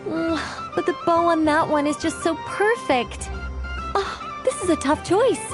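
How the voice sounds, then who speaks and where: A woman playing a dainty, fussy young woman in a video game, expressive and thinking aloud. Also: extremely high pitch, unhurried, poor audio. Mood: delighted, torn. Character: bright, dainty young woman, fussy and gushing over pretty things. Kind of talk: video game character acting. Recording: music playing behind the voice.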